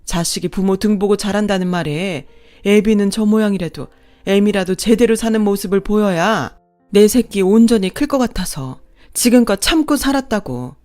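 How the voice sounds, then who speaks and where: A woman voicing a long-suffering mother-in-law who speaks with a forceful, cutting, defiant manner. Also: mid-range voice, normal speed, faint music behind, lightly acted. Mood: fierce.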